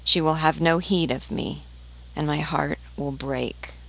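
A woman reading the part of a lovesick young male student from a storybook, in a slow, wistful way. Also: low voice, steady tone, creaky, a bit bright, heavily acted. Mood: longing.

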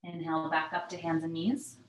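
A woman instructor guiding a stretching class with breathing cues in a calm, measured, step-by-step manner. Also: deep voice, a little hiss or hum. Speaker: yoga and mobility instructor. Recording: echoey, roomy sound.

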